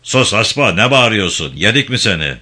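A man reading a novel aloud, voicing a harsh, bullying gendarme chief who shouts threats and insults. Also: lowish voice, animated, normal speed, voice pushed up. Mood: barking, menacing.

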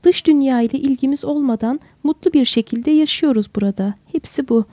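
Give me a kindly young woman with a soothing manner and a high, mellow voice, read by a woman narrator. The recording is dry and dull, with a lo-fi edge. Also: a little fast, no room sound, natural voice. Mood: reassuring. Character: gentle reassuring young woman.

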